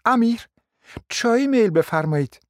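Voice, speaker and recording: A man's voice: extremely high pitch, expressive, dry recording, clean studio sound, voice pushed up. A man voicing a proud middle-aged mother and hostess in an audiobook, speaking formally and insistently. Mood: formal, polite.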